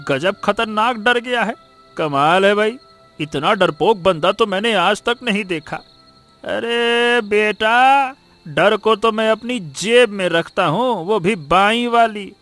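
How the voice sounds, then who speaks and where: A greedy village schemer who brags loudly and stammers when cornered, played by a man. His voice sits high and he stretches his words out slowly. Faint music runs under this cartoon story. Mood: mocking. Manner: blustering, stammers when caught out. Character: greedy boastful male villager, cowardly underneath. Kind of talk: cartoon voice acting.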